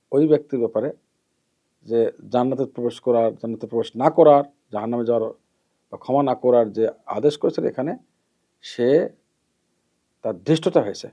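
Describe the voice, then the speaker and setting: Preacher guy explaining a hadith, measured and repetitive, phrases fade out soft, kinda muffled recording. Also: medium pitch. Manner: measured, repeats key terms, often trails off softly at the end of a phrase. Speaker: Islamic preacher. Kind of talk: hadith lesson, explaining and admonishing. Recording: dull lo-fi recording.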